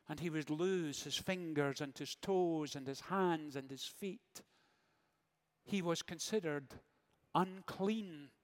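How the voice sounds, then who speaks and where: A man preaching a sermon as pastor, measured, with dramatic pauses and rhetorical questions. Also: high voice. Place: church sanctuary. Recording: long church reverb.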